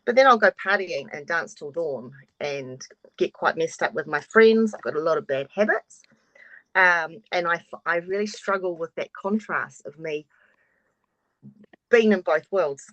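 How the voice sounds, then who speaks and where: A woman's voice: fairly low pitch, expressive, unhurried, fairly bright tone, no room sound, lo-fi sound. A woman in her forties giving a frank, open introduction of herself on a video call, swearing now and then. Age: 40s. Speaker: course participant.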